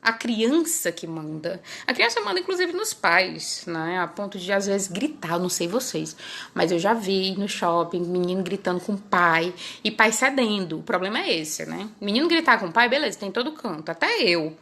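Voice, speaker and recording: A woman's voice: mid-range voice, expressive, normal speed, fairly bright tone. A woman hosting her parenting channel, chatting casually and often ending her phrases with little tag questions. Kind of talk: casual talk to camera.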